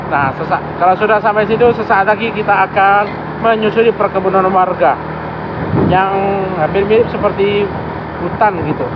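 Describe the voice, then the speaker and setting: A man from Indonesia talking through a face mask in a halting, casual way, giving travel vlog commentary as he rides. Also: sits high. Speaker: travel vlogger. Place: outdoors, riding a vehicle on a village road. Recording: dull lo-fi, loud engine and road noise.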